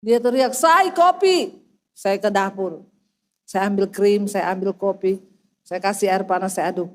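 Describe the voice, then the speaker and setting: A middle-aged woman pastor preaching a sermon, telling lively stories with teasing humor. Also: medium pitch, normal speed.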